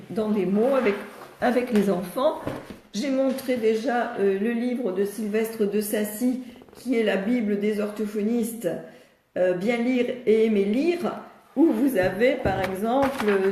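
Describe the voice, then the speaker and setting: An older woman speaks as a speech therapist in a live video Q&A, explaining things patiently and step by step. Her voice is warm and mellow. The room around her rings with echo. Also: mid-range voice, a little hiss or hum. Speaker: speech therapist answering viewers' questions. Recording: echoey room.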